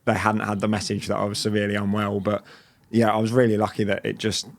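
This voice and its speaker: A business owner in his late twenties, appearing as a guest, chats in a relaxed, casual interview, rambling with fillers and restarts. He talks fast in a fairly low, gravelly voice.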